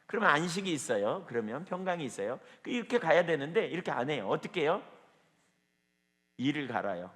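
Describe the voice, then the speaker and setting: A man's voice: fairly high pitch, big pitch swings, quick pace, few pauses, a bit bright, long reverb tail. A man preaching a sermon as pastor at a small evening prayer meeting, emphatic and firing rhetorical questions at the listeners.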